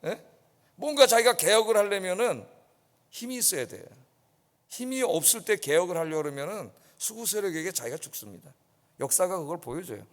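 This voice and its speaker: A man's voice: high voice, lively intonation, a little fast. A male pastor preaching in a church and often asking "yes?" to keep the congregation with him. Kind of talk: sermon. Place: church sanctuary. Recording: long reverb in a church hall.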